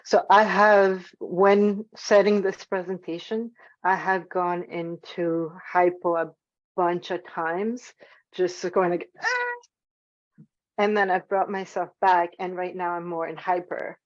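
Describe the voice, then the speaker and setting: Woman, casual workshop presenter, lowish voice, lo-fi call audio. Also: flat delivery, unhurried. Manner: casual and informal, many "like" fillers. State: nervous about public speaking. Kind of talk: online workshop talk.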